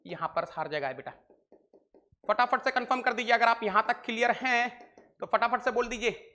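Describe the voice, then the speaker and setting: A man's voice: very high-pitched, fairly quick, bright, forceful tone. An Indian man with an Indian accent giving a live online engineering lecture, mixing Hindi and English, repeating points and quizzing his students affectionately.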